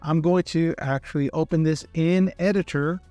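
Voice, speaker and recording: A man calmly explaining software step by step in a screen-recorded tutorial, in a relaxed, friendly way. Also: on the high side, normal speed, no echo, soft background music.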